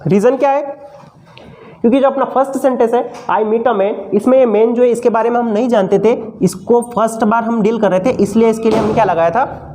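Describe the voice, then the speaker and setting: A man's voice: extremely high pitch, fairly even intonation, a little fast, darkish tone, slight background noise. A male teacher giving an exam-prep grammar lesson, who keeps asking his students questions, answers them himself, and fondly calls them "son".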